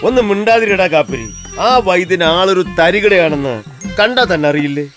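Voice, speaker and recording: Bossy rooster leader for a kids' cartoon, high and animated, male actor, light music behind. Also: normal speed. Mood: scolding. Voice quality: bossy, scolding. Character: bossy adult rooster, head of the flock.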